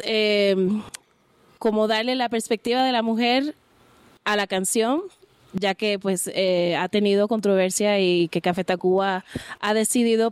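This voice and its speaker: A young woman musician from Puerto Rico talks about her songs in an easy, unhurried way, pausing often to search for words. Her voice is smooth and clear, and it sounds dry and close to the mic with no room behind it. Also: mid-range voice, no echo. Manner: relaxed, speaks in halting phrases with fillers. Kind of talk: casual interview about the songs.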